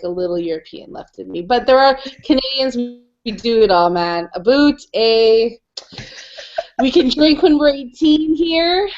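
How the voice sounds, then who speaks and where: A woman's voice: a little high, muffled recording. A woman photographer chatting casually on a video call, talking with lots of filler words. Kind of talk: casual group chat.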